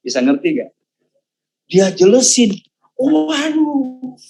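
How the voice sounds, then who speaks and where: An older man, a pastor, giving a sermon testimony and telling a story in a lively way. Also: very high-pitched, slow pace, vocal fry, low-quality recording. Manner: animated storytelling, acts out quoted voices.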